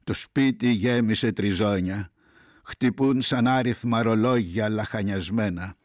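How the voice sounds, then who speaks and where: A man reading poetry aloud in a slow, grave, deliberate way, pausing between short phrases. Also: on the low side, darkish tone, no echo, studio quality. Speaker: poetry reader.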